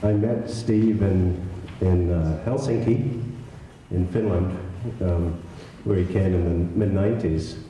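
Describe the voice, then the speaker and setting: Middle-aged scottish guy stumbling thru a memorial speech, mellow low voice, faint noise, hall echo. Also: fairly even intonation. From Scotland. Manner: halting, many fillers and restarts, light humor. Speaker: eulogy speaker. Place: village hall. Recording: echoey hall from far off.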